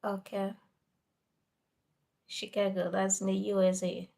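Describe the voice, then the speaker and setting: A woman's voice: medium pitch, level tone, slow, vocal fry, warm tone. A woman from Cameroon, chatting casually with viewers on a live stream and sometimes dropping to a near whisper.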